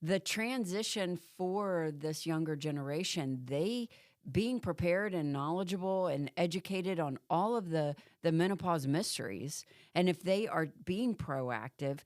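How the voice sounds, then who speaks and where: A woman's voice: on the low side, lively intonation, measured pace, darkish tone, no echo, studio quality. A middle-aged woman co-hosting a podcast, explaining things in an earnest, sympathetic way. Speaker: podcast co-host. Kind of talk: casual podcast chat.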